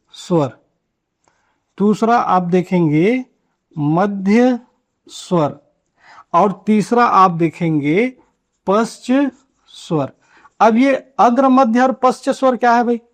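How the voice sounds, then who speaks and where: A man teaching a grammar lesson at a board, asking questions and answering them himself, and drawing out key terms slowly. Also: high voice. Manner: asks and answers his own questions. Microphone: writing on a board while teaching.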